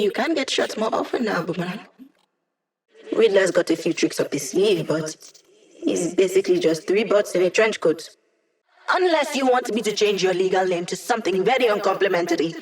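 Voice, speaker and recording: An actress voices a wry young female hacker in a video game, backing up her team with dry, sarcastic quips. Her voice is medium in pitch and natural.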